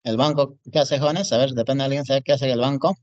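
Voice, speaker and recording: A man's voice: mid-range voice, steady tone, a little fast, darkish tone, no room sound. Man teaching class, checking in constantly. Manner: repeats "jóvenes" and "¿no es cierto?" often; talks while typing on screen. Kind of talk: online class lecture. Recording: dull dry recording.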